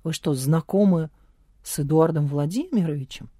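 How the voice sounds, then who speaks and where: A haughty, suspicious woman answers in a cold, curt tone, voiced by a woman reading an audiobook. She speaks lower and slower than the narration, with a clipped, mocking manner. The sound is dry and close. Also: warm tone, husky, dry recording.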